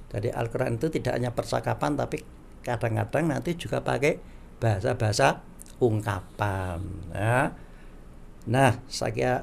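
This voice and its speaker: Gravelly man giving a religious lecture. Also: medium pitch, a little mellow, slight background noise. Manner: acts out sung and spoken examples in a raised voice; chants Quran verses slowly. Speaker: Islamic teacher.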